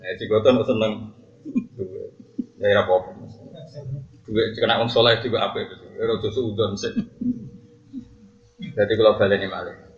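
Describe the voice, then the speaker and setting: A man with a Javanese accent leads a religious lesson, mixing jokes and frequent laughter with slow, chanted verses. His voice comes from a distance and echoes around a large hall. The sound is dull and muffled. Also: lowish voice, steady tone, slight background noise. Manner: joking, laughing often, chanting Arabic verses slowly. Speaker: religious teacher. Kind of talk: religious study lecture.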